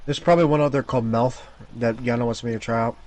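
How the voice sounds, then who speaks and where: A man in casual chat about games, excitable and tripping over his words with quick restarts. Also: medium pitch, low-quality recording.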